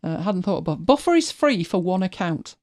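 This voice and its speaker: A woman's voice: on the low side, sing-song, a little fast, darkish tone, no echo, clean studio sound. A woman hosting a live stream, chatting casually as she walks viewers through her screen, thinking aloud and often restarting her sentences. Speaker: host.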